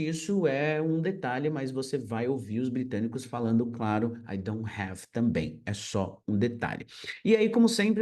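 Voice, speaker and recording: Man, english teacher, native portuguese, online lesson, slow careful example sentences. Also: a little high, a little mellow.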